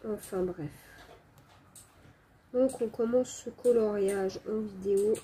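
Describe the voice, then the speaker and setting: A woman's voice: mid-range voice, fairly even intonation, slow pace, warm tone, slight background noise. A middle-aged woman with a cold, chatting casually and apologetically while coloring at home, with many fillers and hesitations. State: sick with a cold, coughing. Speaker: coloring video creator.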